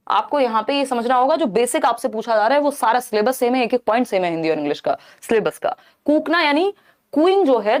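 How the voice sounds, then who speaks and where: Higher-voiced woman teaching an online class. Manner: explains step by step, mixing in English terms; keeps checking in with listeners. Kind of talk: live online exam-prep class.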